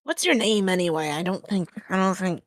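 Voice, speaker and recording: A woman's voice: fairly low pitch, fairly quick, no room sound, studio quality. A woman playing a tabletop role-play game in character, a little prim and questioning.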